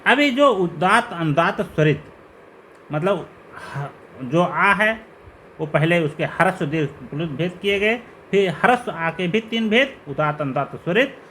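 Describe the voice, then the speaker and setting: A male teacher gives a slow, step-by-step lecture on grammar, going through terms one after another. His voice sits high and moves a lot, rising on each question. A faint hiss runs behind him. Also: lively intonation, pushed and bright. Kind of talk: classroom lecture explaining grammar.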